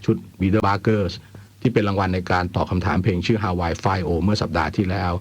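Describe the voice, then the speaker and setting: A man's voice: low-pitched, fast talker, breathy edge, no room sound. A man hosting a radio programme in an informal way, with wry asides, as he chats and reads. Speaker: radio host. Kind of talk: radio phone-in chat and letter reading. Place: dry radio studio.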